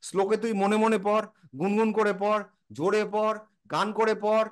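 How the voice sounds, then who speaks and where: A man's voice: sits high, steady tone, normal speed, clean tone. A man explaining in a casual chat, lecturing informally and answering his own rhetorical questions. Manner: informal, addresses listener as a close friend.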